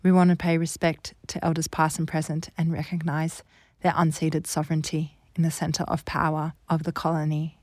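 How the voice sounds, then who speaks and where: A woman hosting a community radio current affairs program, reading in a measured, formal way. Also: low voice, level tone, a little mellow. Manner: measured, formal scripted delivery. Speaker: radio host.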